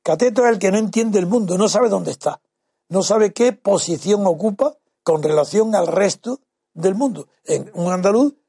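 A man explaining the meaning and origin of words in answer to a question, in a deliberate, lecturing way with frequent halting restarts. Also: high-pitched, expressive, vocal fry, mellow, husky, no echo, clean studio sound. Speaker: language expert answering a listener's question. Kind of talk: explanatory talk on word meanings.

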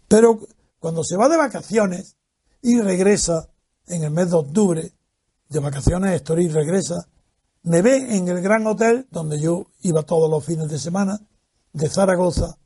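During an interview, an older man spins out a lengthy personal recollection, bringing its characters to life by imitating their voices. His high-sitting voice carries vocal fry and a slight roughness.

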